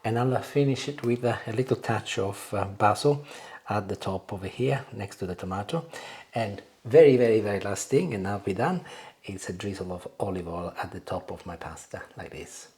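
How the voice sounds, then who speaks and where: With a fairly low, darkish voice at normal speed, a man hosting a cooking show chats easily as he demonstrates and savours the food. The recording clearly picks up background noise and clattering in the kitchen.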